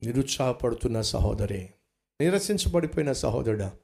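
A man's voice: medium pitch, animated, normal speed, creaky, a little mellow. A man preaching an impassioned sermon as pastor in a church hall, repeating lines with rising force.

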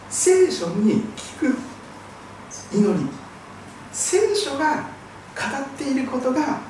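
Pastor from Shikoku preaching earnestly, pitch swinging widely, heard from afar in a very echoey church. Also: darkish tone, a little hiss or hum. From Shikoku, Japan. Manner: earnest, emphatic preaching with hymn singing. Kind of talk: sermon. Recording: very echoey hall, voice from a distance.

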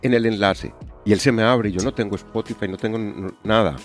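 A low-voiced man talks casually, his voice honking and nasal from a head cold. He explains things conversationally, as a science communicator would, with music in the background. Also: fairly even intonation, a little fast. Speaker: astronomy science communicator, podcast co-host.

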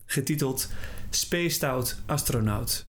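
A man, the podcast host, calmly announcing the next recording. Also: medium pitch, slow. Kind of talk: introducing a recording.

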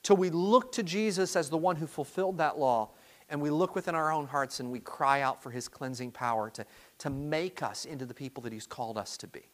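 A pastor giving a sermon to his congregation, earnest and halting, often repeating words as he restarts his sentences. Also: a little high.

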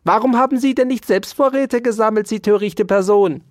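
A fussy, bad-tempered male hamster from a storybook, blustering at everyone around him. His voice sits high and carries loudly, with a lively swing in the pitch. A storyteller acts him out in a dry, close recording. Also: normal speed, no room sound. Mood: scolding. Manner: blustering, snapping and scolding.

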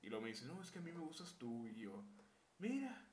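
A man's voice: medium pitch, animated, fast talker, slight background noise. A young man with a Monterrey accent, casually telling a childhood story on a podcast, acting out quoted voices and laughing often. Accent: northern Mexican (Monterrey). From Monterrey, Mexico. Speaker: podcast co-host. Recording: echoey room.

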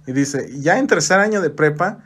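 A man's voice: on the high side, animated, moderate pace, a bit bright, breathy edge. A young man with a Mexican accent, co-hosting a casual podcast and retelling stories with playful, teasing slang. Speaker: podcast co-host. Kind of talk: casual chat.

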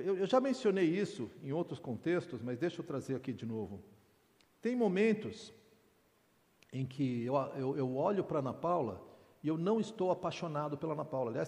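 Man, middle-aged, casual sermon, humorous asides, slightly high voice, long hall reverb. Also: big pitch swings, a little fast, warm tone. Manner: informal and candid, with humorous asides and restarts. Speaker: preacher at a men's meeting. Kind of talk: conversational sermon.

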